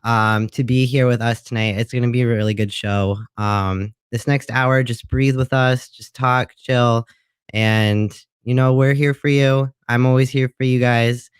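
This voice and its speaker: A man hosting a casual livestream show, chatty and relaxed, with many ums. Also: medium pitch, a little slow, clear, resonant tone, dry recording, studio quality.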